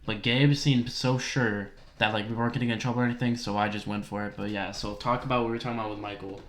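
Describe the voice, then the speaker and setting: A young man co-hosting a casual podcast, excitedly retelling a story, swearing often and acting out his friends' lines. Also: lowish voice, fast talker, slight background noise. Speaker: podcast co-host. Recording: roomy echo.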